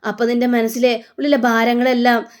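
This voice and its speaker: A woman voicing a stern, protective older mother figure who speaks in a slow, deliberate way. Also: fairly high pitch, flat delivery, darkish tone, smooth, lightly acted. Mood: comforting. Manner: scolding, threatening, slow and deliberate.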